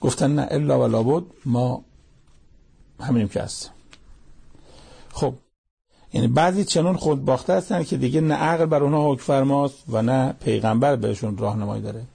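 Gravelly, husky-voiced male preacher. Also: medium pitch, pauses often, dark tone. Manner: recites Arabic verses, explains in Persian, asks pointed rhetorical questions. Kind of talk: sermon on Quran verses.

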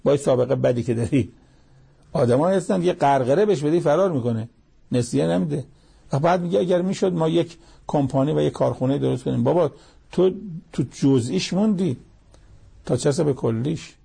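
A male preacher with a gravelly, husky voice and a dark, mellow tone. He reciting scripture and explaining it, driving points home with rhetorical questions. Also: a little high. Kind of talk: sermon on Quran verses.

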